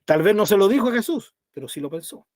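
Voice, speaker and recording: High-voiced man teaching a Bible study. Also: fast talker, no room sound, studio quality. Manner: animated, retells scenes, keeps checking in with "¿sí?".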